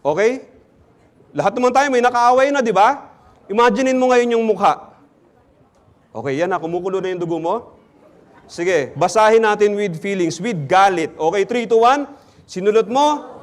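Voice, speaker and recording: Man, pastor, high-pitched, interactive sermon, jokey questions to the congregation. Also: normal speed, pauses often. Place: church.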